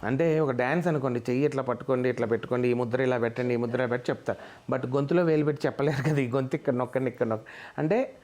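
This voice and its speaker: A man's voice: mid-range voice, very fast, a little mellow. A man, a mimicry artist, talking through an interview in an earnest, explanatory way. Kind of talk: interview conversation.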